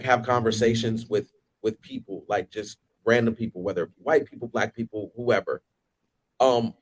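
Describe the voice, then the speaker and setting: A man co-hosting a casual panel talk, animated and rambling, with lots of restarts. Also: mid-range voice, poor audio. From United States. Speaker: podcast co-host.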